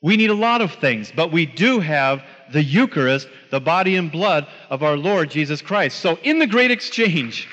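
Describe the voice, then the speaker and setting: High-voiced man preaching in an echoing hall. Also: moderate pace, hardly any pauses, lo-fi sound. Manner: emphatic, animated storyteller with repeated phrases. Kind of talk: storytelling talk to a live audience.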